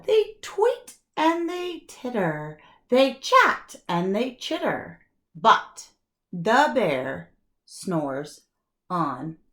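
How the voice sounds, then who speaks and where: A woman reading a children's storybook aloud like a kindergarten teacher, expressive, with deliberate dramatic pauses and emphasis. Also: on the low side.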